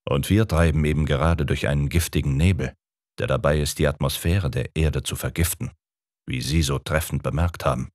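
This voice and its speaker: A man playing a booming, pompous old professor. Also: fairly even intonation, brisk, dry recording, studio quality. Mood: grave, calm. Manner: lecturing, condescending. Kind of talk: audiobook character reading.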